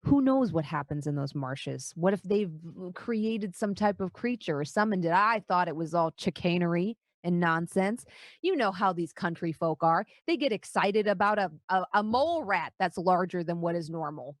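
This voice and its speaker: A woman's voice: fairly low pitch, animated, normal speed, no room sound, lightly acted. A woman voicing a pompous, exasperated male dwarf town leader with a formal, blustering manner in a tabletop game. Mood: grave, dismissive.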